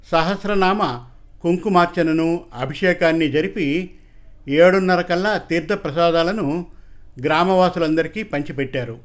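A man telling a village story aloud, reading the characters' dialogue in measured, dramatic narration. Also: a little high.

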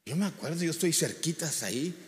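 A man's voice: fairly high pitch, expressive, brisk, in a large hall. A man, a pastor preaching by telling a story with colloquial asides. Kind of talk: storytelling sermon.

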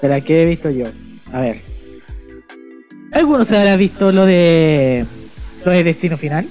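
A man's voice: on the high side, lively intonation, normal speed, darkish tone, faint music behind. A young Chilean man co-hosting a casual podcast, rambling and hesitant as he searches for a film to recommend. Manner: hesitant, rambling, laughs at himself. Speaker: podcast co-host. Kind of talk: casual chat.

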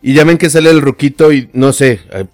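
A man's voice: mid-range voice, brisk, a little mellow, dry recording, soft background music. A young man with a Mexican Spanish accent, tipsy, joking through a casual podcast chat. He swears freely and talks in heavy slang. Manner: slangy and profane, jokey. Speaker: podcast co-host.

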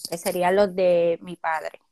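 A woman from Puerto Rico in her thirties with a Puerto Rican accent, a guest telling her life story in a casual interview, speaking softly and candidly with some hesitation. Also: lowish voice, flat delivery, measured pace, dry recording. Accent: Puerto Rican Spanish.

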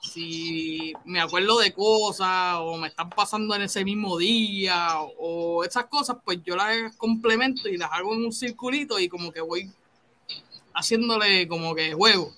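A man, a singer on a podcast, tells stories and jumps into other people's voices. His tone is bright. A faint hum of noise sits behind him. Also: high voice, moderate pace. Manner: storytelling, animated, does others' voices. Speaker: singer guest. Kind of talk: casual interview chat.

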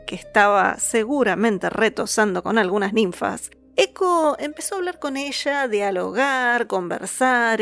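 A woman narrating a myth, measured and dramatic, slowing down for lists and dropping to a whisper at tense moments. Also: a little high, gravelly. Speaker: storyteller.

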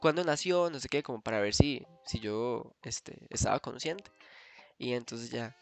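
A man's voice: medium pitch, measured pace, gravelly, darkish tone. A man with a Costa Rican accent telling a long personal story in casual chat, rambling with many fillers and restarts. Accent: Costa Rican Spanish.

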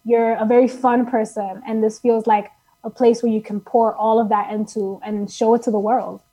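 A woman's voice: on the high side, level tone, normal speed, dark tone, breathy edge, low-quality recording. A woman author as a podcast guest, speaking in an upbeat, earnest way and laughing easily. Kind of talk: casual interview chat.

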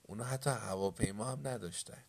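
A man's voice: fairly low pitch, creaky, a little mellow, no room sound. A man voicing a prim know-it-all schoolgirl who corrects others in a matter-of-fact way. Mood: correcting.

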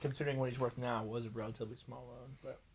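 A man's voice: mid-range voice, flat delivery, racing, very noisy. A drunk young man co-hosting a podcast in casual chat, crude, joking and rambling. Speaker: podcast co-host.

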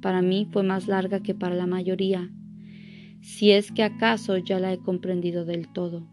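A woman's voice: lowish voice, flat delivery, normal speed. Woman reading aloud over guitar music. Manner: earnest, with small stumbles and self-corrections. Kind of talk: reading a book aloud with casual asides. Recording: guitar music playing underneath. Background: soft guitar music.

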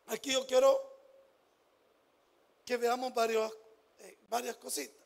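A male pastor delivers a sermon in an unusually high voice with a gravelly edge. He moves slowly and deliberately. He alternates between quiet asides and loud, stressed phrases. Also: little pitch movement. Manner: emphatic preaching with rhetorical questions to the congregation.

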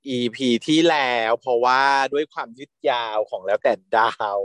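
A man co-hosting a review podcast, playful and teasing, asking quick questions. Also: mid-range voice, a bit bright, no room sound, studio quality. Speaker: podcast co-host. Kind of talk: casual review chat.

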